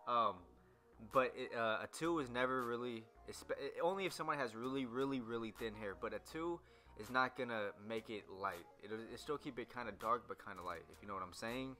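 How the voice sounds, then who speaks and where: A man's voice: mid-range voice, sharp tone. A young man, a barber, talking loosely through a haircut tutorial with lots of ums and restarts. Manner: loose, rambling, many fillers. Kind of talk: casual voice-over tutorial.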